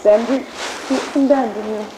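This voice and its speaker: A woman riding instructor with a high voice gives brisk, projected commands in a live lesson. She is directive and corrective, explaining briefly as she goes, over clearly noisy ambience. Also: fairly even intonation.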